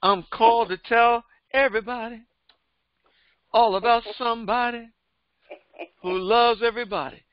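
An older pastor with a very high-pitched, steady voice preaches a Bible lesson at normal speed, pausing often, in a fervent, repetitive cadence. He speaks through a headset microphone in a small indoor studio before a printed backdrop, and the sound is dry and slightly dull with no echo.

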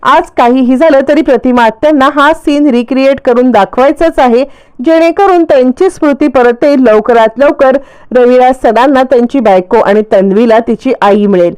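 A woman's voice: sits high, normal speed, darkish tone, clear, resonant tone, dry recording, lightly acted. A woman voicing Sayali, an anxious, distressed young woman in a retold serial scene, speaking urgently.

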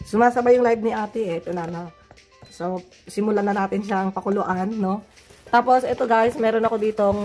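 A woman's voice: medium pitch, a little mellow. A woman with a Filipino accent, chatting casually to viewers in a home vlog while getting over the flu, her voice a little changed by it. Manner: chatty, addresses viewers as guys. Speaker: vlogger. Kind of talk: casual cooking and gardening vlog.

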